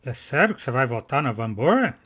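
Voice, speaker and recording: A man's voice: mid-range voice, fast talker, breathy edge. A man casually commenting through a game playthrough, reading his choices aloud. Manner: relaxed, reads choices aloud. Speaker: gameplay streamer. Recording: game music underneath.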